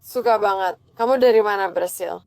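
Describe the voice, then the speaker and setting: A woman's voice: mid-range voice, fairly quick, vocal fry, darkish tone, no echo. A drunk woman arguing with and taunting police during a heated confrontation. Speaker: detained driver, intensive care nurse.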